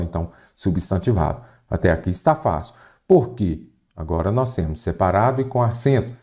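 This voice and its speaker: A low-voiced man, teaching an online exam prep lesson. His pitch swings up and down a lot as he talks. He keeps putting questions to the students and answering them himself. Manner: animated, asks and answers own questions.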